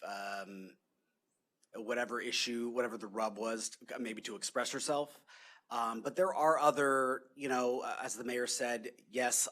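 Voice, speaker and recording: A man's voice: fairly low pitch, a bit bright. A man speaking as a lobbyist in a council meeting, answering questions politely with many fillers and "yes, sir". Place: city council chamber.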